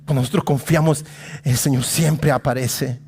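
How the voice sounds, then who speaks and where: A man preaching a sermon in church, talking straight to his congregation with casual humor and dramatic swings from loud calls to hushed asides. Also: medium pitch, fairly even intonation, normal speed, slight background noise. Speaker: pastor.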